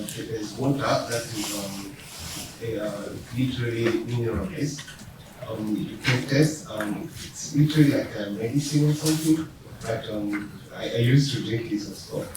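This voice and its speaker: Halting man in an echoey room. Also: lowish voice. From Tanzania. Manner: halting, many "um"s. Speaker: workshop participant. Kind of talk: sharing a story in a group discussion. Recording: echoey room, distant mic, background noise.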